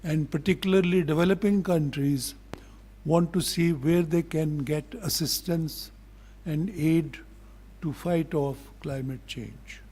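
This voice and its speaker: An older man with a Pakistani accent addresses the public formally as a diplomat, his manner deliberate, blunt, and admonishing. His voice sits on the high side and has a mellow quality.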